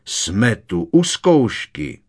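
A man voicing an elderly male examiner professor who speaks softly, slowly and primly. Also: fairly low pitch, big pitch swings. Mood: indignant. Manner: soft-spoken, slow, prim.

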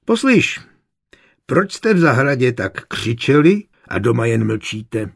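A kindly grandfather, friendly and teasing, with a husky, breathy voice, as a male narrator puts him on. He speaks in a storybook reading with warm patience. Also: medium pitch, sing-song, exaggerated voice. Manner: friendly, playful.

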